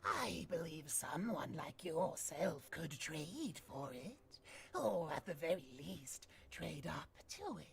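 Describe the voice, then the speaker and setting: Creaky, half-whispering sly old woman. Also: sits low, big pitch swings, takes it slowly, a loud crowd, heavily acted. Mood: sly, secretive. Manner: hushed, breathy half-whispered, insinuating delivery. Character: mysterious sly old woman, cryptic schemer. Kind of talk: theatrical video game character acting.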